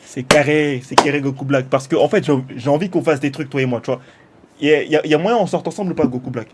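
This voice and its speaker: A man, a streamer chatting casually and mockingly, slangy and teasing, swinging between loud outbursts and mumbles. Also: a little high, quick pace. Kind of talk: casual mocking chat with a chatbot.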